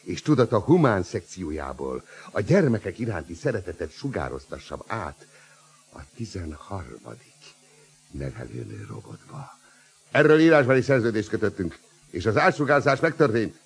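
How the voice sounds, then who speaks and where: An actor playing a raving, megalomaniac older mad scientist in a radio play, with a husky voice, shrieking rants and mocking laughter. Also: male voice, lowish voice, sing-song, exaggerated voice. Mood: pleading. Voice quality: husky, gravelly.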